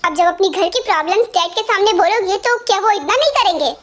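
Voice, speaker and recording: A jealous young husband who scolds and accuses his wife and admits his insecurity, dubbed by an amateur fan performer. The voice stays very high for a husband, in a homemade fan-dub reading. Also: expressive, fast, a bit bright. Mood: accusing.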